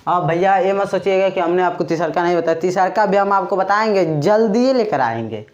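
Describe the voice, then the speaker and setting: A man's voice: sits high, fairly quick. A man teaching a casual grammar lesson in a chatty, joking way, with a Bhojpuri-tinged Hindi accent. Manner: chatty, joking, addresses viewers as brothers. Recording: slightly dull lo-fi recording.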